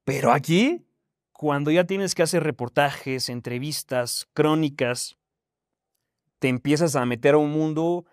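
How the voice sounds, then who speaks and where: A man in his thirties from Mexico with a Mexican accent, giving a casual, animated talk to university students and telling his story with plenty of slang. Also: mid-range voice, no room sound, studio quality. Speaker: guest speaker.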